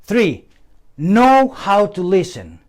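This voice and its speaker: A man giving a scripted training lecture on communication, working through numbered points deliberately with pauses. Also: sits high, sing-song.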